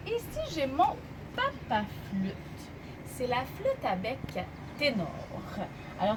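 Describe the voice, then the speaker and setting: A young woman teaches a music lesson to small children. She talks slowly and encouragingly, her high voice rising and falling in a lively sing-song. Steady background noise sits under the recording.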